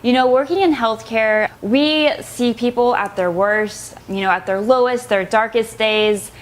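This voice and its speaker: A woman's voice: on the high side, unhurried. A woman nurse hosting her channel, introducing a guest in an earnest, chatty way with frequent fillers. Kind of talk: casual introduction to camera.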